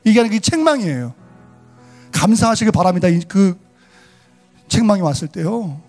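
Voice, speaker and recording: High-voiced, animated Korean pastor preaching. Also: male voice, moderate pace, soft background music. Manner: animated, acting out quoted voices. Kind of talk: sermon.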